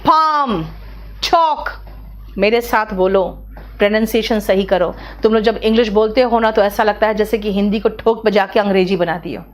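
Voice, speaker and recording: A woman teaching English spelling and pronunciation in Hindi, repeating example words and scolding her students about how they pronounce them. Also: a little high.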